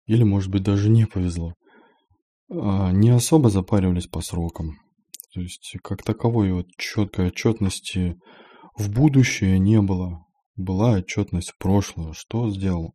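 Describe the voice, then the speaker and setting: A man's voice: low voice, warm tone, slightly rough. A man, an IT developer, talking through his work experience in a plain-spoken monologue, thinking aloud. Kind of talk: casual monologue.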